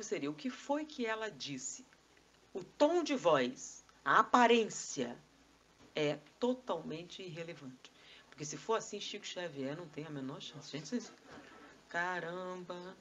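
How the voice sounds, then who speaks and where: A woman with a Brazilian accent giving a live spiritist lecture, full of rhetorical questions and conversational asides. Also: mid-range voice. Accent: Brazilian Portuguese. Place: spiritist society meeting hall.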